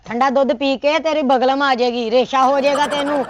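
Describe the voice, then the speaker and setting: Punjabi woman, high pitch, sharp scolding wife in a comedy skit. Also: steady tone, brisk, background noise. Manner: scolding, sharp-tongued, nagging. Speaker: comic actor as a scolding wife. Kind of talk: Punjabi comedy sketch acting.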